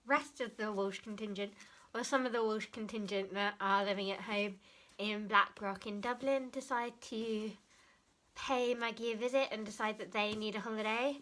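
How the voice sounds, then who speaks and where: A woman's voice: mid-range voice, steady tone, moderate pace, fairly bright tone. A young woman vlogger talking casually about a book she has read, chatty and often stopping to search for the right word or correct herself.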